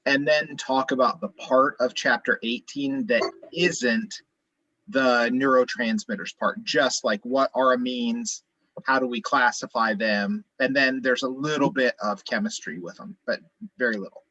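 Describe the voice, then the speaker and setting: A man teaching an online chemistry class, explaining step by step in a relaxed way, thinking aloud. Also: medium pitch, unhurried, dry recording, muffled recording.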